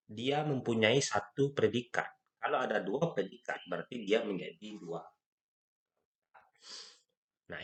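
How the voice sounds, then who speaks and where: A man lecturing on grammar, speaking slowly and stressing key terms, with frequent fillers as he explains. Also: lowish voice, a bit bright. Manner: slow, stressing key words, frequent "ya" and "nah".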